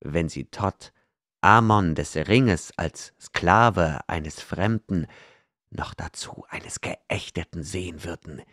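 Guy voicing a bitter hateful sorcerer, growly and slow, audiobook. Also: low voice, fairly bright tone, no room sound, studio quality, full character voice. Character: bitter, hateful male sorcerer slave, menacing. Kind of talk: audiobook character reading.

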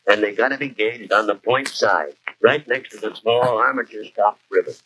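Casting: man as avuncular American shop veteran, fairly deep, advising trainees, 1940s instructional film with obvious noise. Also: moderate pace, natural voice. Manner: folksy, advising. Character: seasoned, avuncular male mechanic giving practical tips. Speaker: actor playing an experienced mechanic. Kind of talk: 1940s training film acting, scripted dialogue. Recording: noisy 1940s film soundtrack.

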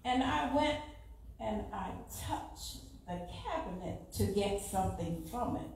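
A middle-aged woman with a Southern US accent giving a fervent church testimony, rising to loud exclamations. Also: medium pitch, animated, measured pace, vocal fry, slight background noise. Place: large church sanctuary. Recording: echoey church from far off.

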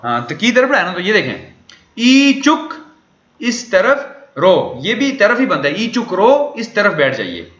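Male teacher, lively pitch, asks the class questions, echoey dull recording. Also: unhurried. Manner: quizzes students with repeated questions. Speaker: language teacher. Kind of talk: classroom lecture.

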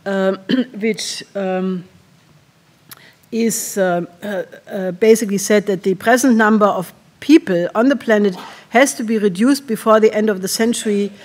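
A woman in her sixties with a German accent gives a keynote speech at a podium in a large hall, earnest and halting, often clearing her throat. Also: medium pitch, darkish tone. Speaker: keynote speaker. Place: large conference hall with audience. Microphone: podium microphone.

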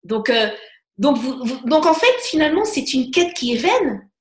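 A woman speaks as a guest coach in a casual interview, animated and full of quick restarts. Her voice sits fairly high. The recording carries a noticeable room echo. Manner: animated, many restarts and fillers. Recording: echoey room.

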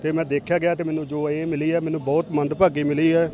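A male manager giving an official statement to a reporter. He speaks in a measured, hesitant way, with a slightly raised pitch. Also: little pitch movement, dark tone. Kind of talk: official statement in a news interview.

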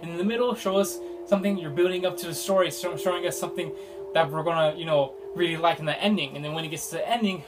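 Young male reviewer, slightly high voice, unscripted and rambling with constant fillers, music bed clearly audible. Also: fast. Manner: rambling, many fillers and restarts. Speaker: film reviewer.

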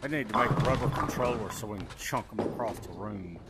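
A man's voice: lowish voice, quick pace, very noisy. A man playing a bowling game in VR, grumbling and mocking his own throws in casual commentary. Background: loud game music.

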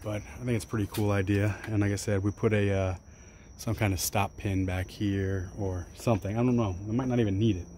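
Outdoors by a fenced wall at night, and later in daylight, a detailing business owner shows off his gear in a casual vlog walkthrough. His voice is low and his delivery brisk, yet he rambles in a relaxed way with lots of fillers. There's a little background noise.

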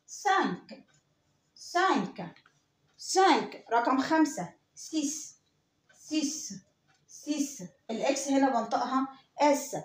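A woman with an Egyptian Arabic accent teaching a beginners' French lesson, saying each word slowly and repeating it for the class. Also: high-pitched, distant mic. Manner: slow, repetitive drilling of each word. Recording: echoey room, voice away from the mic.

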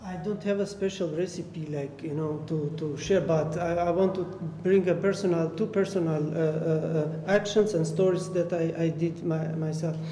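Speaking on a gallery panel, a young Albanian artist whose mother tongue is Romani sounds hesitant, repeating words and leaning on fillers. His mellow voice sits on the high side, with a steady tone, a moderate pace and hardly any pauses. A stand mic captures him in an echoey hall, with faint noise behind him.

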